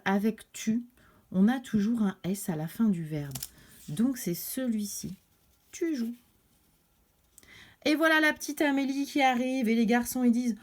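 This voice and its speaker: A woman teaching a recorded lesson to young children, explaining clearly and patiently step by step. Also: medium pitch, a little mellow. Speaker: primary school teacher.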